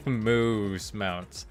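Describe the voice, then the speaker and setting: A man with a slight cold and a nasal voice streams a game from his home room while rain falls outside, chatting casually and thinking aloud. His pitch is fairly low and he draws out his words, rambling and restarting as he goes. Faint music plays behind his live commentary.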